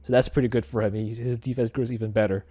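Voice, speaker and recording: Man host of a casual game tier panel, brisk, jokey, dry mic. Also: mid-range voice, little pitch movement, warm tone, no echo. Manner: brisk, joking, keeps the discussion moving.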